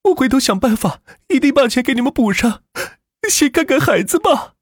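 A man's voice: extremely high pitch, expressive, moderate pace, breathy edge, no room sound, studio quality, voice pushed up, full character voice. A man voicing a desperate young mother who begs tearfully for help. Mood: pleading. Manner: pleading, tearful.

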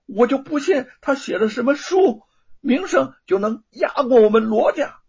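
A man voicing a spoiled, jealous young rich man who bursts out loudly and indignantly. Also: very high-pitched, animated, normal speed, creaky, slightly rough, voice pushed up, full character voice. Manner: loud indignant outbursts. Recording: dull lo-fi recording.

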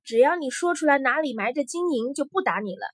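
Woman doing a rough, mocking soldier. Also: very high-pitched, animated, fast talker, fairly bright tone, dry recording, clean studio sound, voice pushed up. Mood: gruff. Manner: mocking and gruff.

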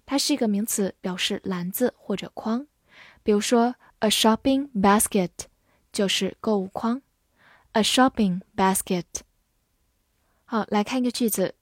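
A woman teaching English vocabulary in Chinese, spelling each word letter by letter and reading example sentences slowly and carefully. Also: medium pitch, a little mellow, no room sound, studio quality. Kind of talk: scripted vocabulary lesson.

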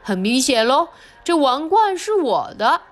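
A woman reading a storybook aloud, voicing a boastful male lion in a lowered, drawn-out voice. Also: big pitch swings.

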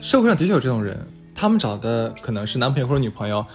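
A man's voice: mid-range voice, sing-song, very fast, faint music behind. A man co-hosting a chat show, agreeing often and adding his own views. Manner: agreeable, backchannels a lot. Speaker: podcast co-host. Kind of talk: casual chat.

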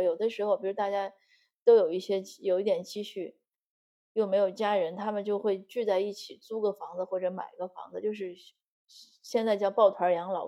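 Woman, middle-aged, from China, mellow dark tone, husky, argumentative commentary, rhetorical questions. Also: medium pitch. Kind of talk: spoken commentary monologue.

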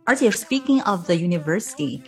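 This podcast host is a young Chinese woman who alternates Chinese and English, speaking with a Chinese accent and plenty of friendly mm-hmms as she teaches language. Her voice is on the low side, very animated, fairly quick and a little mellow, with soft music in the background.

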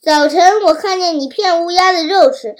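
A cheeky little monkey from a children's tale, voiced by a woman reader. It teases in a light, playful way, with a high voice. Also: normal speed. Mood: teasing. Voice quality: teasing, playful. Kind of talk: children's storybook reading.

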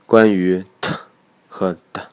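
A man with a very low, deep voice narrates a scripted pronunciation lesson. He explains each point slowly and methodically, like a patient teacher. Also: little pitch movement, clean tone.

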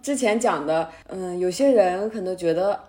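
A woman's voice: fairly low pitch, normal speed, mellow. A woman chatting casually as an agreeable, thoughtful conversation partner. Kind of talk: casual chat.

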